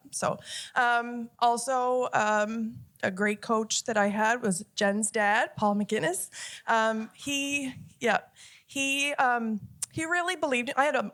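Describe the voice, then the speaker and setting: A woman's voice: fairly high pitch, takes it slowly, a bit bright. Emotional Nova Scotian woman panelist. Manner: emotional, laughing through tears. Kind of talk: casual panel talk. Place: museum event hall.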